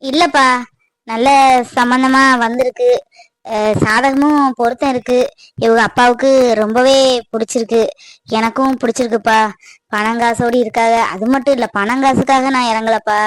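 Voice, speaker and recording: A woman plays a worried middle-aged village mother in a cartoon, speaking. Her voice sits high and her pleas come earnest and tearful. The recording is close and bone-dry. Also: fairly even intonation, moderate pace, long pauses, dry recording, lightly acted. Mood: persuading. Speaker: voice actor. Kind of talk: cartoon voice acting.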